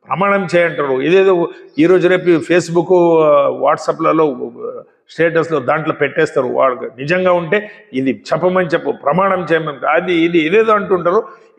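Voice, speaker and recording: High-voiced man telling moral fables. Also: vocal fry. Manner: conversational, rhetorical, folksy. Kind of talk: moral storytelling sermon. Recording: echoey hall.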